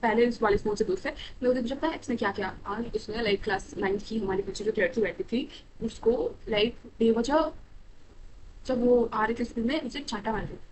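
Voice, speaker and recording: A young woman telling a personal story to camera, animated and quick, mixing in English phrases with frequent fillers. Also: on the high side, slight background noise, low-quality recording. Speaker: storytime vlogger. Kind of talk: casual storytelling.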